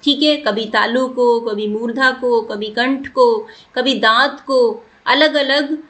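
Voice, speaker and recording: A woman's voice: on the high side, takes it slowly, a bit bright. A woman teaching a grammar lesson, patiently repeating points and asking her students questions. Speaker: Sanskrit teacher. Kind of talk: classroom lesson explanation.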